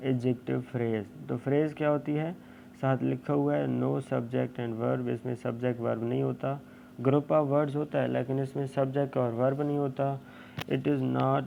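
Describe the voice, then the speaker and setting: A man teaching an exam-prep grammar lesson, explaining step by step, asking and answering his own questions and reading the test sentences slowly. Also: mid-range voice, gravelly. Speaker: English teacher. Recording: dull lo-fi recording with faint hiss.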